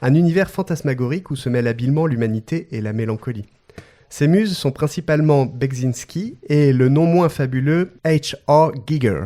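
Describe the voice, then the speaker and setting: This podcast host has a mellow, medium-pitched voice and talks fairly quickly. While reading out a guest introduction, he adds playful jokes and keeps bursting into laughter.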